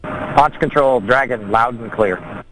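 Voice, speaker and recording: A man's voice: mid-range voice, slow pace, fairly bright tone, a little hiss or hum, rough recording. A man in a spacecraft capsule answering a comm check over a helmet headset intercom, in clipped procedural radio calls. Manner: clipped, procedural call-and-response. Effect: helmet headset intercom over a comm loop. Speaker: astronaut crew member in the capsule.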